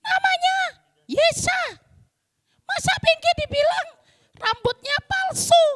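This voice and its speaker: Children's puppet: shrill, bright-toned little girl who sulks and shouts. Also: animated, takes it slowly, heavily acted. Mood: sulky complaining. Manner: stubborn, whiny, shouting in a tantrum. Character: sulky little girl puppet with pink hair.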